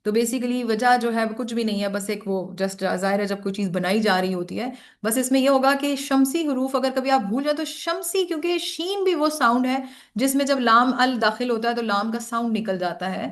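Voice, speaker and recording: A woman's voice: a little high, moderate pace. A woman teaching an online grammar lesson, explaining patiently and listing letters one by one, with English words mixed in.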